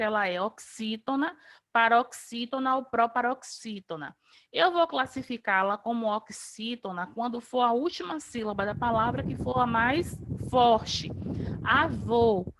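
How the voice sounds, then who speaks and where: A woman's voice: on the high side, fairly bright tone. A woman from Brazil, teaching an online grammar review lesson, patiently explaining and drawing out example words. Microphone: video call.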